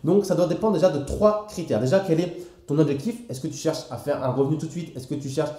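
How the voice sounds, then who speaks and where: A man's voice: fairly high pitch, fast, warm tone, roomy sound. A young French man explaining stock investing to the viewer in a familiar, casual way, full of fillers. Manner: familiar, addresses the viewer directly with frequent fillers. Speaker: investing educator.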